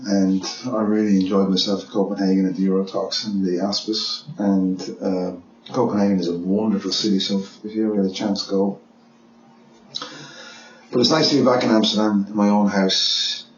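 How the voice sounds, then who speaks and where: A man with a lowish voice chats casually at home, halting and restarting as he thinks. The sound is a bit dull and roomy, with faint hiss underneath. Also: darkish tone. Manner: hesitant, stumbling restarts. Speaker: podcast host. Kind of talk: casual solo chat. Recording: echoey room, dull sound, faint noise.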